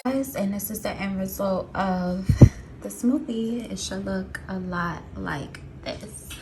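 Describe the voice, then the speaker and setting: A woman's voice: medium pitch, slow, loud music behind the voice, low-quality recording. A young American woman chatting informally as she narrates chores and cooking for a home vlog. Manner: informal, conversational. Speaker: home vlogger. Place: indoors at home, kitchen. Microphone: handheld camera. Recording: clear household noise behind voice. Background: household appliance noise.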